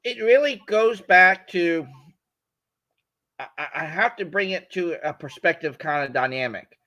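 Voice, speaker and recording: Bright high-voiced male host. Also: animated, a little slow. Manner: enthusiastic, stumbles and repeats words. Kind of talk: live stream interview. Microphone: video call.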